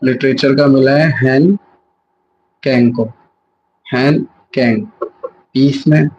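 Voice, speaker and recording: A man's voice: mid-range voice, fairly even intonation, slow, a little mellow, lo-fi sound, slight background noise. A young man giving a live revision lesson, chatty and self-correcting, mixing English words into his Hindi. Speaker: exam prep teacher.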